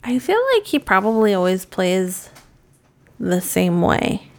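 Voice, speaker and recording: A woman co-hosting a podcast, chatting casually about movies in a relaxed, hedging way with many fillers. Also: medium pitch, slow, gravelly. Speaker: podcast co-host. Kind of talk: casual movie-review chat.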